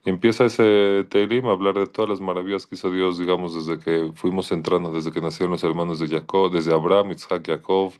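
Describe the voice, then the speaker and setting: A man's voice: low voice, level tone, brisk, few pauses, darkish tone. A man giving an informal Torah lesson, thoughtful and searching, often restarting his sentences. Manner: thoughtful, searching, with frequent restarts and quoted Hebrew verses.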